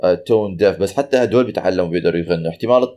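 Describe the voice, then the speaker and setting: A man's voice: low voice, rapid-fire. A man with a Levantine Arabic accent explains casually, switching between Arabic and English mid-sentence. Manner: animated explainer, hesitant repeated words. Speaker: guest who takes singing lessons.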